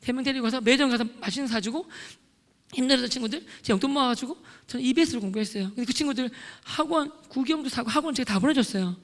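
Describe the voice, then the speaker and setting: A middle-aged man gives a lively testimony at a church prayer meeting, acting out his scenes loudly. His voice sits high and he talks at a rapid clip. Long church-hall reverb trails every phrase. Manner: excitable storyteller, acts out scenes loudly. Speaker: lay deacon giving testimony. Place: church sanctuary.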